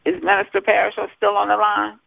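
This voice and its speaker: A woman's voice: mid-range voice, little pitch movement, fairly quick, gravelly, dry recording. A woman minister leading a fervent spoken prayer with urgent, repeated phrases, heard over a landline phone. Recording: narrow tinny phone line.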